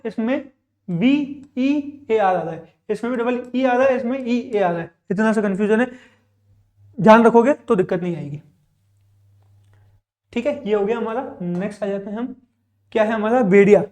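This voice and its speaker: A man teaching English vocabulary in class talks at normal speed in a high, slightly mellow voice. He asks questions and answers them himself drill-style, with patient explanations and regular check-ins.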